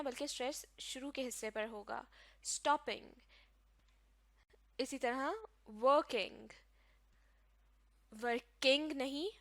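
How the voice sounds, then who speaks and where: A woman's voice: on the high side, dry recording. A woman teaching English grammar in a recorded lecture, explaining patiently step by step and spelling words out letter by letter. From Pakistan.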